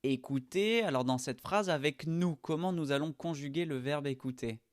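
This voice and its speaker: A man teaching French verbs, modeling each sentence slowly and with careful articulation. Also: fairly high pitch, no echo, studio quality. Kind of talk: pronunciation lesson.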